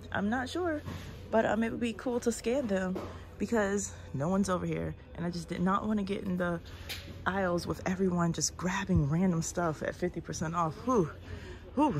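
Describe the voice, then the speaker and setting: A woman's voice: mid-range voice, normal speed, slight background noise. A woman recorded on her handheld phone as she walks through a large indoor store, chatting casually to viewers. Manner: chatty, walking while talking, addressing viewers directly. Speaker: shopping vlogger. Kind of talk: casual walk-and-talk store tour. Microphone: phone held in hand.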